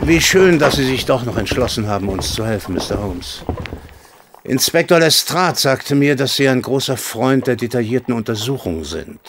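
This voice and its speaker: A proud military colonel who owns a stable, acted by a man in a radio play. The voice is medium in pitch, formal and commanding, with clear noise behind it. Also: close to an everyday voice. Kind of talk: German radio play acting.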